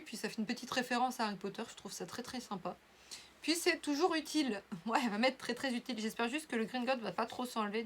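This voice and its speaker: A woman's voice: medium pitch, fairly bright tone, a little hiss or hum. A young woman chatting casually through an unboxing video, rambling with lots of fillers and restarts. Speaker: unboxing vlogger.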